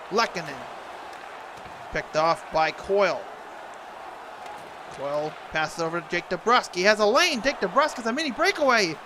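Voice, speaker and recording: Over clear background noise comes an earnest hockey play-by-play announcer , a man's impression of one, pitched high for a male voice. He calls a video game in short, clipped present-tense phrases, in the manner of a TV broadcast. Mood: excited.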